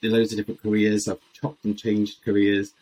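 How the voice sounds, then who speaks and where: A man's voice: on the low side, completely flat delivery, moderate pace, a little mellow, slight background noise. A man from South Wales. He talks in a casual, chatty way as a podcast guest, wandering off into asides. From Swansea, Wales, and Botswana. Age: 40s. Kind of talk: casual conversational interview.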